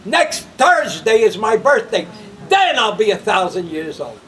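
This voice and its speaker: A man's voice: high voice, big pitch swings, a little slow, fairly bright tone, recorded from a distance, exaggerated voice. A man doing a thousand-year-old grumbler. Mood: matter-of-fact.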